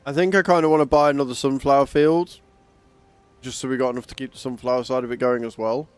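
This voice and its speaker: A man hosting a gameplay livestream, talking casually and thinking aloud about his plans, coughing and clearing his throat now and then. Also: mid-range voice, steady tone, quick pace, dry recording. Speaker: livestream gaming host.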